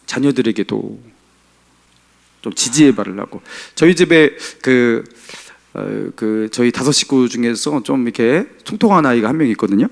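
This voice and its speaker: Animated man preaching a Sunday sermon. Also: mid-range voice, normal speed, creaky. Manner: animated preaching, rhetorical questions to the congregation. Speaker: pastor. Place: church sanctuary.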